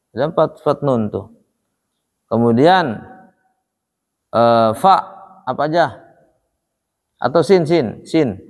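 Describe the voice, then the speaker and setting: A man's voice: mid-range voice, long reverb tail. A man teaching a Quran recitation class, who asks his students questions and answers them himself. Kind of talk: classroom lesson with call-and-response questions.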